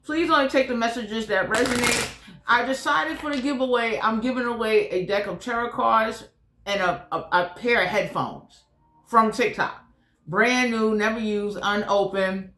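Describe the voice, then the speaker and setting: A tarot reader hosting her channel gives a casual, blunt reading in colloquial speech while wearing whitening trays in her mouth. Her voice is a little high, the background is noisy, and the sound is echoey and roomy.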